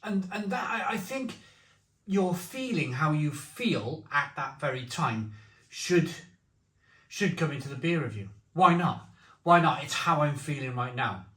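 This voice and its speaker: Male reviewer, slightly high voice, casual and rambling with emphatic repeats, recorded in a roomy, echoing space. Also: animated, a little slow, fairly bright tone. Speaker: beer and snack reviewer. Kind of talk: casual review chat to camera. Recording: roomy echo.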